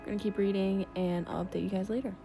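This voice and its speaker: A young woman talks straight to her viewers in a loose, excitable vlog ramble, full of "like" and quick asides. Her voice sits at an ordinary middle pitch for a woman. Clear background music runs under her voice the whole time. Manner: chatty and excitable, heavy use of "like". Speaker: book vlogger. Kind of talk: casual vlog chat.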